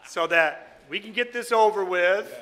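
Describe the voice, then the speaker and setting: A male preacher with a bright, high, slightly raspy voice delivers an unhurried, informal sermon with congregational singing. Folksy and teasing, he jokes with the congregation in a large reverberant hall. He's picked up by a stand microphone or PA, and the recording is echoey with long reverb.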